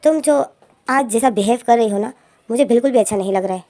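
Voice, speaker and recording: A woman's voice: fairly high pitch, fast talker, warm tone, natural voice. A woman voicing a moody, short-tempered young male student who answers curtly and with irritation. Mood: irritated. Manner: curt, irritated replies.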